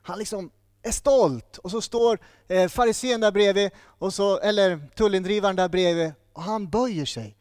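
A man's voice: high-pitched, a little mellow, no room sound, clean studio sound. A man preaching a sermon in a church, building his points through short repeated phrases.

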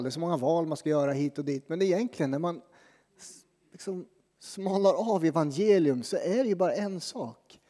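A man preaching as a pastor, his voice a little higher than usual for a man but dark and mellow in tone. He talks in a conversational, self-deprecating way, with dramatic pauses. A long reverb from a church hall trails after his words. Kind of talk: sermon.

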